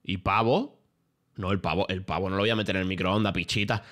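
A man's voice: deep voice, a little fast. A young man, streaming and telling stories in casual chat, full of slang and swearing. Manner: animated storytelling with lots of slang and swearing.

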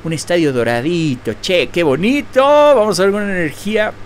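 A man hosting a card-opening video, excitedly naming each card and repeating himself. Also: high voice, moderate pace, slight background noise. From Mexico. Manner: excitable, exclaims and laughs at rare pulls, repeats phrases. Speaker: card-opening channel host. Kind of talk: excited unboxing commentary.

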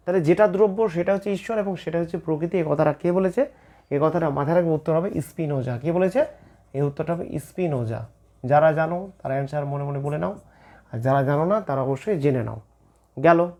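A man's voice: a little high, dark tone. A man teaching an exam-prep class, with a Bengali accent, who keeps asking questions and answering them himself.

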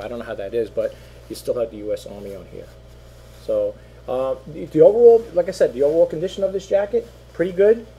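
Recorded with low quality on a desk webcam, this middle-aged man is showing items for sale online from his small home office. His medium-pitched voice is mellow but fading as he loses it, and he rambles with lots of fillers and repetition. There's slight background noise.

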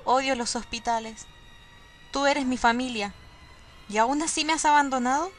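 A woman's voice: high-pitched, normal speed, soft background music, pitched above the performer's own voice, close to an everyday voice. A woman reading aloud the lines of a bitter, wounded ghostly mother, in a plain reading voice. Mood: reproachful. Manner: reads dialogue boxes aloud, plainly.

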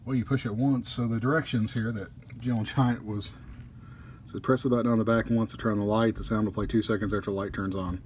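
A man casually reviewing a collectible statue at a table indoors, easygoing, with frequent pauses. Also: lowish voice, steady tone, slight background noise.

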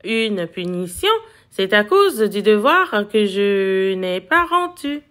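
A woman voicing an eager, fussing male family dog in a storybook reading, with a lowered voice. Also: big pitch swings, slow, fairly bright tone. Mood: doting.

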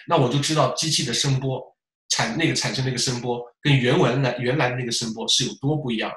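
A man teaching test preparation in a lecture style, animated, asking rhetorical questions and demonstrating examples aloud. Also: mid-range voice, fast talker. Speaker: English test prep teacher. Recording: roomy echo.

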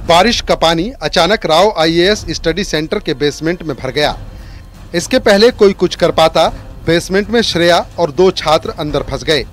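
A man reading a scripted news report as a voice-over in a steady, formal manner. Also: fairly high pitch, normal speed.

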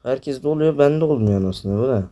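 A young man commenting on his own gameplay, groaning, swearing and complaining loudly as he plays. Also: medium pitch, animated, fairly quick. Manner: frustrated, swearing, groaning, yelping. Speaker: gaming YouTuber.

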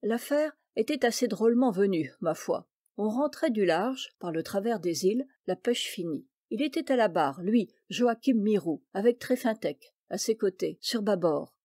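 A woman narrating a classic tale as an audiobook, measured and expressive. Her voice is mellow and warm, recorded close and dry with no room sound. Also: medium pitch, dry recording.

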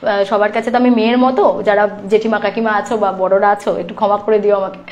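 A woman in her thirties with a Bengali accent, a YouTuber telling a story to her live audience in an animated, indignant way. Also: mid-range voice, fast. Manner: animated, indignant, acts out the people she quotes. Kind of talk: casual storytelling chat.

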